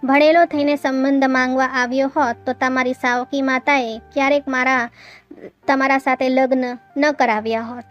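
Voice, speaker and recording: A woman voicing a young man, a calm police officer in disguise, in a read-aloud story, explaining himself steadily. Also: high-pitched, normal speed, lo-fi sound, natural voice.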